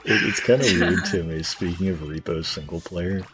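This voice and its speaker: Deep-voiced young man chatting on stream. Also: normal speed, a crowd in the background. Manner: laid-back, swears casually, laughs often. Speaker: game streamer. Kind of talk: casual stream chat reading game text aloud.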